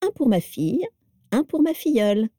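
A woman's voice: very animated, moderate pace, no room sound, clean studio sound. A woman voicing an exuberant, playful witch who teases and provokes, read in an audiobook. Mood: breezy. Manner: cheerful, teasing, high and bright. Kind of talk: audiobook character reading.

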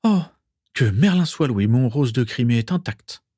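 A man's voice: medium pitch, animated, moderate pace, dark tone, no room sound, studio quality, voice pushed up, lightly acted. A man voicing a timid painter who stammers and whines. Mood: frightened.

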